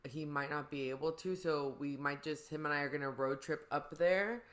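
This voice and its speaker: A woman's voice: low voice, normal speed, a bit bright. Rambling, slangy woman hosting a casual podcast. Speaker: podcast host. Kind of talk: casual chat.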